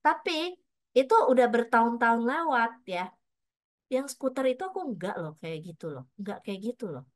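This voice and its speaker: A woman's voice: on the high side, animated, a little fast, dry recording. A middle-aged woman pastor giving a casual, chatty sermon full of personal stories, mixing in English words.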